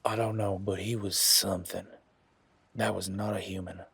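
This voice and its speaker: A man plays Gavin, a flustered, polite, excitable young werewolf boyfriend in a romantic audio drama, speaking casually with nervous stammers and sounding amazed and relieved. His exaggerated voice is low, creaky and fairly bright with a breathy edge, level in tone at a moderate pace, with no echo.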